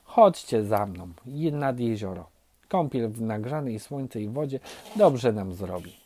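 A man's voice: mid-range voice, animated, unhurried, dark tone. A man voicing a fussy, caring mother duck who quacks between her words.

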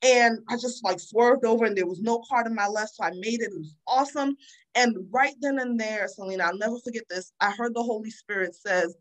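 A woman's voice: fairly high pitch, a little fast, low-quality recording. A woman speaking as a podcast guest in a casual faith conversation, earnest and testimonial, sometimes repeating words as she thinks.

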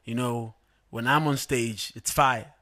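A man explains his own rap songs in a relaxed studio chat. His voice is bright and forceful, at an ordinary middle pitch. He laughs a lot and stumbles over and repeats words as he talks. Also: a little slow. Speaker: rapper guest. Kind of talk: casual interview chat. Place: podcast studio.

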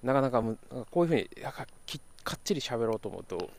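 A man's voice: mid-range voice, lively intonation, racing, creaky. A young man from Kyoto with a slight Kansai intonation, hosting a casual solo podcast and talking in a rambling way, correcting himself and chuckling. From Kyoto, Japan. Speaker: podcast host.

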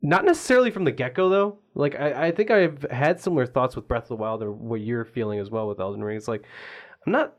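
A man co-hosting a casual gaming podcast, agreeable and chatty, often pausing with fillers as he gathers his thoughts. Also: mid-range voice, dull audio. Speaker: podcast co-host.

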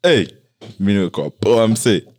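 A man's voice: lowish voice, lively intonation, normal speed, darkish tone, a little hiss or hum. A man in his twenties with a Kenyan accent, bantering casually in slang as a podcast co-host. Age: 20s.

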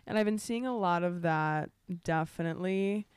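A young woman with a lowish, smooth voice chatting on a podcast. She rambles and strings her thoughts together with fillers. The sound is close and dry. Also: moderate pace, no echo. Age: young adult. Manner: rambling, heavy use of "like". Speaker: podcast co-host. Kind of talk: casual chat.

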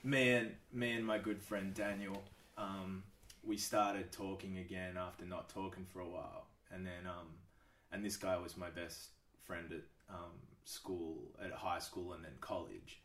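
Male podcast guest, very low voice, relaxed and profane, laughs a lot, echoey room, sits back from the mic. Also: unhurried, distant mic. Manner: laid-back, swears a lot, laughs often. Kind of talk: casual chat.

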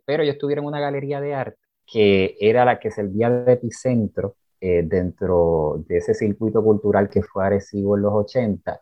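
A Puerto Rican writer and poet, speaking with a Puerto Rican Spanish accent, reflects as an interview guest in a low, dry voice. He sounds thoughtful and searching, using many fillers like "pues" and "¿verdad?". The recording is muffled, with no room sound.

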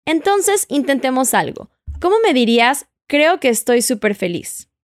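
A Portuguese teacher, female and a little high-voiced, conducts an audio lesson with big swings in pitch at a normal pace. She is patient and keeps urging the listener to repeat after her. There is no room sound; the recording is close and dry.

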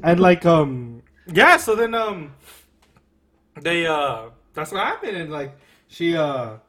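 Young man, high lively voice, slow, bright, crude, laughing chat host. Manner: laughs a lot, crude, acts out noises. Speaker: podcast co-host. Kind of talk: casual chat.

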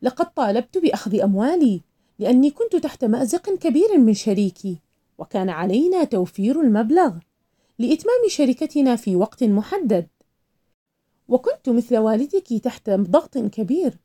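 A woman's voice: on the high side, big pitch swings, fairly quick, warm tone. A woman voicing a stern, evasive businessman defending himself over a debt. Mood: defensive.

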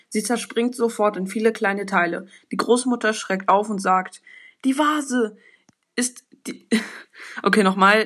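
A woman's voice: medium pitch, a bit bright. A teenage girl reading children's jokes aloud without practice, stumbling over words and restarting, then commenting on each joke in casual slang. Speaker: joke reader.

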